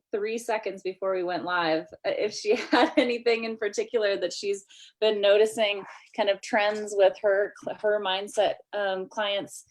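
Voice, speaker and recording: A chatty woman hosts a casual coaching live stream over a video call. She sounds upbeat and laughs easily as she talks. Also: medium pitch. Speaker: host of a coaching group.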